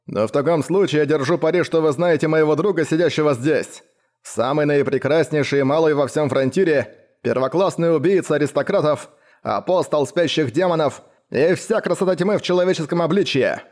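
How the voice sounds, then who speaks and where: A man voicing a brash, boastful biker who talks loudly and mockingly, with a raised, swaggering voice. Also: a little high, fairly quick, pitched above the performer's own voice, close to an everyday voice. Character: brash boastful male biker, loud and cocky.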